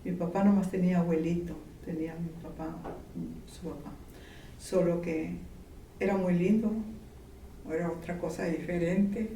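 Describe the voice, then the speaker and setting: A woman from Mexico, slowly and gently reminiscing in an interview. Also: lowish voice, fairly even intonation. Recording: roomy, distant, faint background noise.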